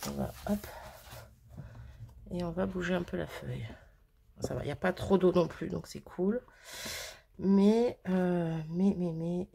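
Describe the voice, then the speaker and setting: A woman's voice: lowish voice, a little slow, gravelly, husky. Woman chatting through a craft project. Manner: relaxed, thinking aloud with many fillers and small laughs. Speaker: craft video host. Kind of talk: casual crafting tutorial chat.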